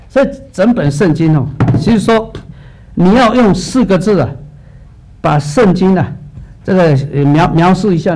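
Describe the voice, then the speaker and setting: A middle-aged male pastor preaching a sermon, telling lively stories and acting out the dialogues. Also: sits high.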